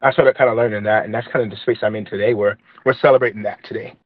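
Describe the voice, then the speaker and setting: This young interviewee grew up in Trinidad and, in a light accent, earnestly tells a personal story, filling pauses and often restarting. He speaks fast in a low, steady voice. The sound has no echo but is phone-quality.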